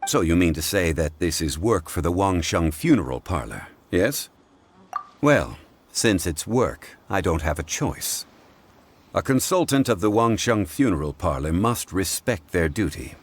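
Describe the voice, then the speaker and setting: Zhongli, a deep, calm ancient scholar. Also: male voice, slight background noise. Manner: measured, formal, lecturing. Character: calm ancient male scholar-god consultant, formal. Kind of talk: game cutscene voice acting. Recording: game audio with music.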